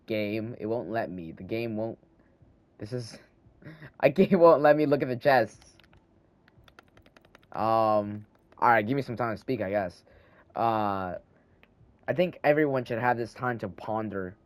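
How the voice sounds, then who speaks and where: This teenage boy, who has a slight lisp and runs a gaming channel, meanders in casual talk while gaming at home, thinking aloud into a handheld microphone and restarting often. His lowish voice takes a measured pace with long pauses, and there's no room sound.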